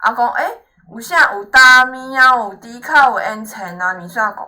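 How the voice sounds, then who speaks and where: This woman's fairly high, bright voice carries a forceful edge as she moves at a moderate pace. She speaks with a Taiwanese Hokkien accent, giving an informal, encouraging lesson to a student and reassuring them with frequent tag questions to confirm agreement.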